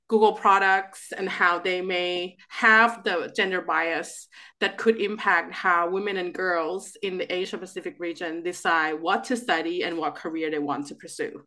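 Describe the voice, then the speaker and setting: Brief: bright-voiced woman in her thirties, Thai-born academic guest, animated. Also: mid-range voice. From Thailand. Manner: animated, with restarts and fillers. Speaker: guest, political scientist. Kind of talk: interview answers.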